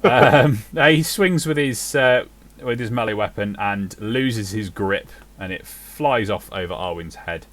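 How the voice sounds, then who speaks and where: A man with a fairly low voice runs a tabletop game as game master. He calls out rolls and damage in a relaxed, matter-of-fact way. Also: a little slow.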